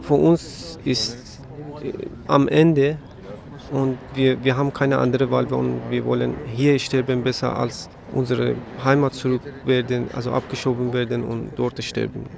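A man's voice: mid-range voice, level tone, measured pace, vocal fry, crowd noise. A man, a protester speaking broken German and often starting with "also". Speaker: asylum-seeking protester. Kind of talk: street interview. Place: outdoors in a city street. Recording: faint traffic noise outdoors.

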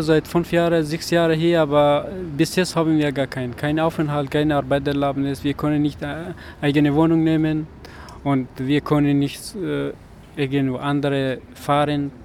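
A man's voice: a little high, level tone, normal speed, darkish tone. A man from Afghanistan, a protester speaking hesitant, broken German with many fillers. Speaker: asylum-seeking protester. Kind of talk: street interview. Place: outdoors in a city street. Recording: faint traffic noise outdoors.

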